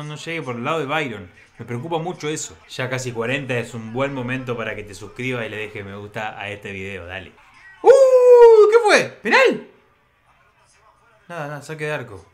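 A man giving live reactions to a football match, breaking into excited shouts at big plays. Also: mid-range voice.

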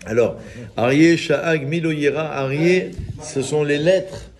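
A man, a rabbi giving an informal, lively Torah lesson and joking with his small group of listeners. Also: on the high side, measured pace. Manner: lively, teasing, chats with listeners. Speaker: rabbi teaching a class.

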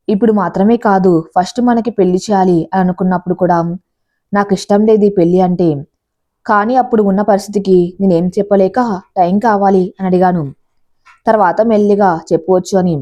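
A woman's voice: medium pitch, mellow, natural voice. A woman voicing a frightened young college student who hesitantly confesses her love. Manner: hesitant and pleading.

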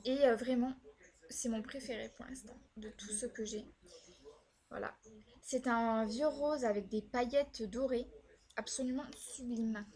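A young beauty vlogger chats casually while reviewing her makeup purchases, her fairly high voice steady, warm, and a little slow. She fills her talk with hesitations, lots of fillers, and frequent "voilà."

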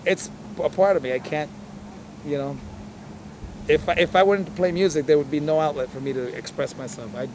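A punk band member from El Salvador chats casually in an interview at an outdoor festival plaza, laughing often and using fillers. His voice is fairly high-pitched and brisk, and there's background noise.

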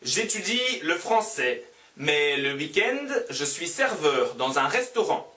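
A man voicing a young Korean student who works as a waiter, in a slow, carefully spoken textbook dialogue. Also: on the high side, very animated, sharp tone, echoey room, far from the mic, full character voice. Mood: curious.

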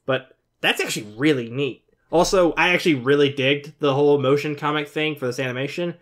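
A twentysomething man hosts a reaction video from his bedroom, his voice fairly high, brisk and a bit bright. He rambles through casual, off-the-cuff commentary, informal and sprinkled with mild swearing.

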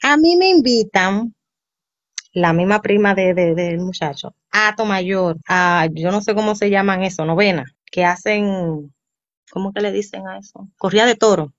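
A woman, telling her story as an interview guest, animated and acting out the voices she quotes. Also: mid-range voice, normal speed, dry recording. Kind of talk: storytelling in casual chat. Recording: dull, slightly muffled sound.

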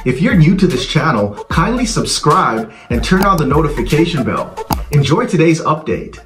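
A man's voice: on the high side, sing-song, normal speed, echoey room, music in the background. A man giving a friendly, scripted welcome as the channel intro presenter.

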